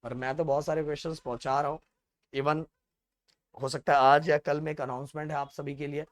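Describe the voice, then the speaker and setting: A man's voice: on the high side, level tone, brisk, dry recording. A man coaching students for exams, emphatic, repeating key phrases and often checking that they follow. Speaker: teacher. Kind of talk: exam strategy talk to students.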